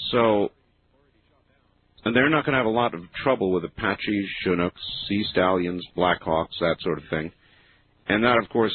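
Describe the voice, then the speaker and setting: Husky man on talk radio. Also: no room sound. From United States. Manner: earnest, musing and argumentative, trailing off low at phrase ends. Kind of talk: opinionated radio commentary. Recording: tinny lo-fi radio broadcast.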